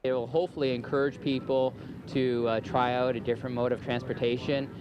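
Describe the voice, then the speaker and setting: A man's voice: medium pitch, flat delivery, a little fast, highs cut off. A man giving a spontaneous news interview answer outdoors. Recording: outdoor noise behind.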